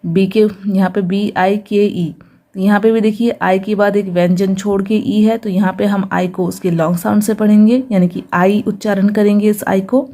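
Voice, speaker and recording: A woman's voice: mid-range voice, steady tone, moderate pace, mellow. A woman teaching English reading, spelling each word letter by letter and patiently repeating the sounds. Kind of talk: phonics lesson, spelling out words.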